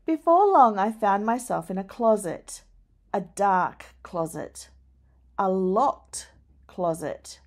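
A woman reading a children's picture book aloud, expressive, with dramatic rises at the scary moments. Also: medium pitch. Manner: slow, deliberate storytelling. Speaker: storyteller.

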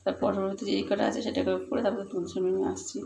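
A woman's voice: medium pitch, flat delivery, quick pace, gravelly, warm tone, a little hiss or hum. A woman talking viewers through a home cooking recipe, chatty and pleading with them to try it. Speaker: home cooking channel host. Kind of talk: casual cooking demonstration voice-over.

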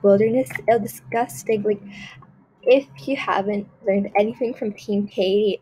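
A woman's voice: medium pitch, a little mellow, husky, poor audio. Woman playing Tiffany Prada, a snobby rich girl. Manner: haughty, dismissive, full of "like" and "ew". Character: snobby spoiled rich girl, bossy and easily disgusted. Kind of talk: role-play skit voiced over gameplay.

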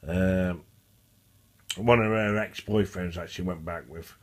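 A man with a low voice speaks slowly in a casual vlog, rambling to the camera with a stutter. He tends to repeat himself, going back to restart phrases.

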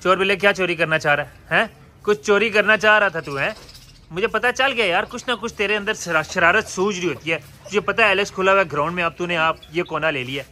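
A young man with a high voice talks fast as he films his pets at home, playfully scolding and coaxing them in casual vlog fashion. He's a pet and bird vlogger recording outdoors in his yard with pet cages, where birdsong is loud.

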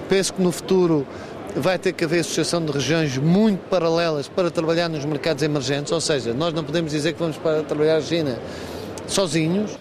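A man's voice: on the high side, fairly even intonation, fast talker. A man in his fifties, a regional tourism official, giving a news interview at a trade fair stand and earnestly urging people to promote the region. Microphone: handheld reporter mic. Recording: background noise from fair hall.

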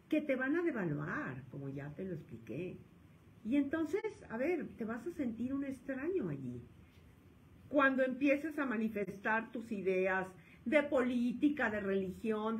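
A woman psychologist with a Mexican accent giving a lecture, animated and acting out the scolding voices of parents. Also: on the high side, slight background noise, low-quality recording.

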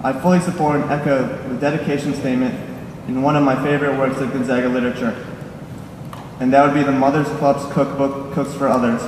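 A young man in his late teens gives a graduation speech, earnest with a wry touch. He is captured from a distance inside a large church, with heavy reverberation and clear background noise. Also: mid-range voice, little pitch movement, brisk. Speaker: salutatorian. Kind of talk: commencement speech. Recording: echoey church from far off, noisy.

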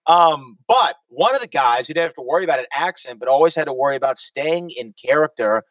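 A man's voice: on the high side, lively intonation, fairly quick, fairly bright tone, dry recording, recorded from a distance, dull audio. A man co-hosting a casual online show, upbeat and chatty as he brings guests in. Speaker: co-host. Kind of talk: casual podcast chat.

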